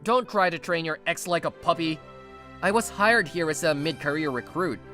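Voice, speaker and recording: A woman dubs a manga's young male office recruit, a stubborn, guarded and exasperated character, narrating in first person and speaking his dialogue defensively. Her voice is low and a bit bright, at normal speed, with faint music behind.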